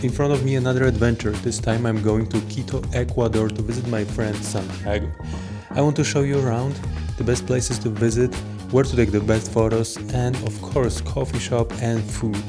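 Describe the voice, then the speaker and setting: A man's voice: mid-range voice, steady tone, moderate pace, hardly any pauses. A man hosting a travel vlog, talking in a casual, chatty way, outdoors in a city. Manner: chatty, full of "like" and "you know" fillers. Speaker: travel vlogger host. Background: background music.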